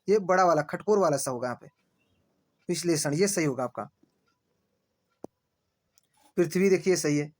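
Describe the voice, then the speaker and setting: A male teacher running an exam-prep lesson, repeating each answer and asking quick rhetorical checks. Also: high-pitched. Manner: points at screen, says "dekhiye".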